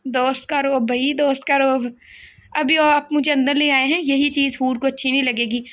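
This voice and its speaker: A woman's voice: high-pitched, flat delivery, normal speed, a bit bright. Woman reading a chatty, playful young friend.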